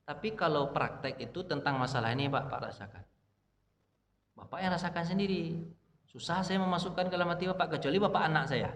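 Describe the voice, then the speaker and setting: A man's voice: fairly high pitch, a little fast, fairly bright tone, slight background noise. A man giving a casual mosque lecture, talking to the congregation and asking them questions he answers himself. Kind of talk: casual sermon to a dawn congregation. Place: mosque hall. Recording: echoey mosque hall.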